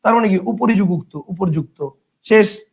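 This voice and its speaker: A man's voice: sits high, normal speed, vocal fry, a little mellow. A man teaching an online grammar class, repeating key phrases, quizzing students and reading out viewer comments.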